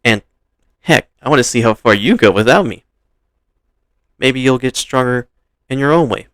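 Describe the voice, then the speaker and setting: A man's voice: mid-range voice, lively intonation, moderate pace, fairly bright tone, clear, resonant tone, dry recording, pitched above the performer's own voice, close to an everyday voice. A man voicing a small, loyal, cocky male electric mouse creature in a fan-told story, speaking in an upbeat, friendly teasing way. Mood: eager.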